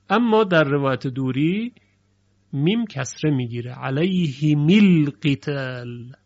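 Guy teaching quran recitation rules, slow careful examples, kinda muffled lo-fi audio. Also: a little high. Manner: explains step by step, recites example phrases slowly. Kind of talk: lecture on recitation variants.

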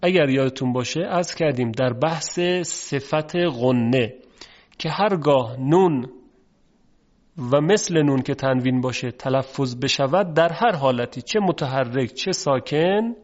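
A man teaching Quran recitation rules, explaining patiently and drawing out the example words slowly. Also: medium pitch, expressive, lo-fi sound. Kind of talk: recorded lesson explanation.

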